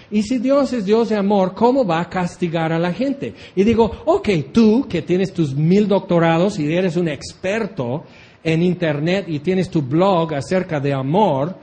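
A male preacher delivers a sermon full of ironic, challenging questions. His voice sits high for a man and has a soft, mellow tone.

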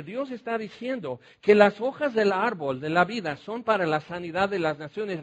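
Mexican pastor, man, high-pitched, animated anecdotal sermon style, quizzes the congregation. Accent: Mexican Spanish. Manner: animated storytelling, asks the congregation questions. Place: church.

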